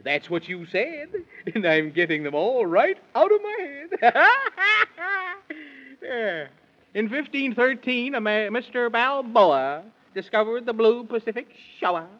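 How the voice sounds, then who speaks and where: Giggly, high-pitched Mad Hatter. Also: male voice, very animated, measured pace, heavily acted. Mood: gleeful, teasing. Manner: giggly, sing-song rhyming delivery. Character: giddy, rhyming, nonsensical Mad Hatter, a grown man. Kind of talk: 1930s children's radio play acting. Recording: muffled vintage 1930s radio recording.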